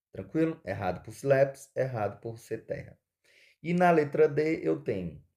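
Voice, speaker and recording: A teacher walks through exam answers in a mellow, relaxed voice. His pitch sits in the middle for a man. He asks himself questions, repeats each key word several times and keeps checking in with his listeners.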